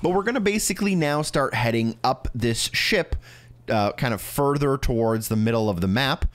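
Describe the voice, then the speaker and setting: With a mid-range voice at a moderate pace, a guide creator narrates his game walkthrough in an animated way. The tone stays casual and instructive, aimed right at the viewer.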